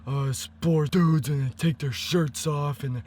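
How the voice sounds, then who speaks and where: Crude whiny bro as played by a man, loud, strained, higher-pitched, slangy. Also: steady tone, takes it slowly. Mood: dim, nostalgic. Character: crude, whiny dude-bro sports guy.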